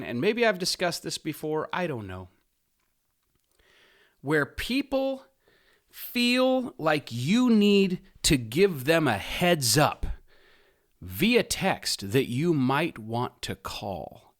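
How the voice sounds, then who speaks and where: With a slightly high voice and big swings in pitch, this podcast host delivers an opinionated, casual monologue. Emphatic, drawn-out stresses and a bit of mild swearing mark his speech as he wanders off into wry asides.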